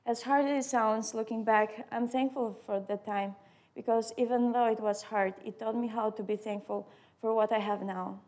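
A woman's voice: fairly high pitch, little pitch movement, moderate pace, darkish tone. A woman in her early twenties with an Albanian accent, a non-native English speaker reading her personal testimony aloud. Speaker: student sharing testimony.

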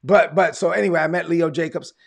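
A middle-aged American man delivers an informal sermon of personal testimony, telling it like a lively story and acting out the dialogue he quotes. He repeats phrases for emphasis in a conversational way. His voice is a little high and creaky, and he talks fairly quickly.

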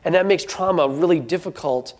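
Speaking slightly quickly, an earnest man with a fairly high voice recounts a story for listeners. His delivery is halting, with frequent restarts and repeated words along the way.

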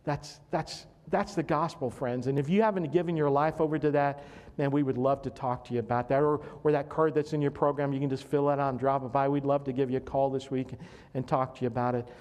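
A man's voice: mid-range voice, fairly even intonation, fairly quick, a little mellow. A man preaching a sermon to his congregation as pastor, earnest and fond of repeating phrases for emphasis. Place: church sanctuary. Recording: long hall reverb.

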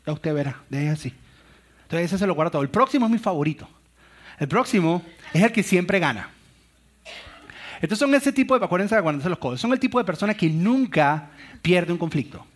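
High-voiced man preaching a family sermon. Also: animated, brisk. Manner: storytelling with acted-out quotes and laughs. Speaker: pastor.

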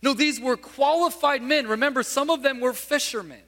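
A man's voice: very high-pitched, moderate pace, pushed and bright, long reverb tail. A male pastor preaching a sermon, telling a story and asking his listeners questions.

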